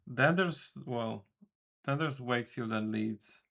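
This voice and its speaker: A man streams as a game developer from a room at home, chatting casually and ramblingly with viewers, correcting himself and swearing offhandedly. His voice sits mid-range with vocal fry and a bit of brightness, and he talks slowly.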